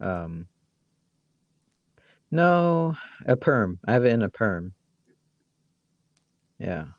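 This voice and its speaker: A man's voice: on the low side, sing-song, very slow, no echo, dull audio. A man with a Great Lakes Michigan accent chatting casually as a podcast co-host in a goofy, rambling, joking way. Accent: Great Lakes American, Michigan. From Michigan, United States.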